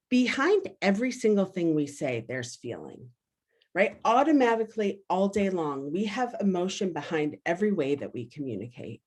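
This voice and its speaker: A woman facilitating a workshop over a video call, energetic, often checking in with "right?". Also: medium pitch. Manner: energetic, frequently asks "right?".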